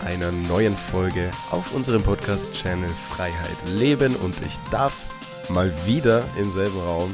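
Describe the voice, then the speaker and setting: A man's voice: sits low, unhurried, music in the background. A man hosting a motivational podcast, speaking directly to the listener in an exhorting way. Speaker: podcast host.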